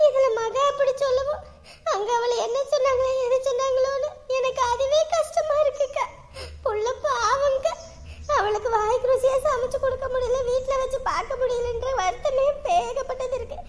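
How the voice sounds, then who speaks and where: Tearful mother with a very high, thin voice, pleading and defensive, played by a woman. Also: steady tone, brisk, slight background noise. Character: distraught middle-aged mother, tearful and defensive. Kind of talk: family drama acting.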